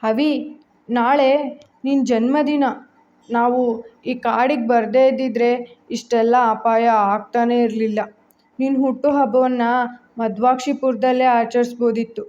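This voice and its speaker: A woman's voice: fairly high pitch, fairly even intonation, a little slow, pauses often, a little mellow, lo-fi sound, close to an everyday voice. A woman voicing an anxious young woman who speaks in a worried way. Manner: worried, fretting.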